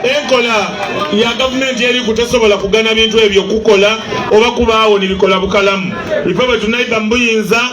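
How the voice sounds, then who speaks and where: A Ugandan man interprets a rally speech in a strikingly high voice. He fires off each phrase quickly and emphatically, with a crowd clearly heard behind him. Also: fairly even intonation, low-quality recording.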